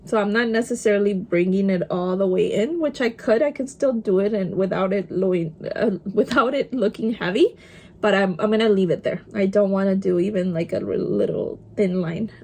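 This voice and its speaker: Doing her makeup in a casual get-ready-with-me chat, a young Spanish-accented vlogger, a native Spanish speaker, mixes Spanish words into her talk. She speaks at a normal speed in a mid-range voice with a dark tone.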